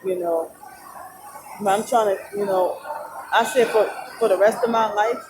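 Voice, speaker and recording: A sleep-deprived woman with a middle-pitched voice rambles in a tired, halting way, as if vlogging for an audience. She's in a loud indoor shopping mall, with clear talking and mall noise surrounding her voice.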